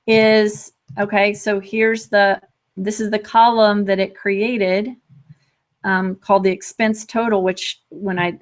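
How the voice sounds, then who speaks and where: A woman hosting a live software walkthrough, talking fast and chatty, often restarting her sentences and laughing lightly between points. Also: medium pitch. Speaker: host demonstrating software.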